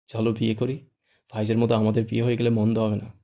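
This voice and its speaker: A man's voice: lowish voice, completely flat delivery, quick pace, mellow, natural voice. A man doing a cocky, teasing young man. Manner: cool, teasing and playful.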